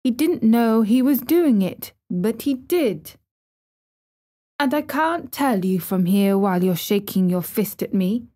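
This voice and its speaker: A woman's voice: a little high, lively intonation, measured pace, warm tone. A woman playing a stubborn young girl. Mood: obstinate. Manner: obstinate, breathless. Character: obstinate, bold young girl.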